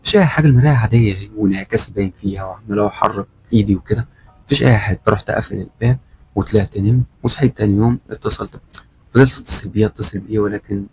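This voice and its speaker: Fast-talking Egyptian man telling a horror tale. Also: on the low side, husky. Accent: Egyptian Arabic. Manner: fast, conversational retelling with quoted dialogue. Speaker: storyteller. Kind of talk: first-person horror storytelling.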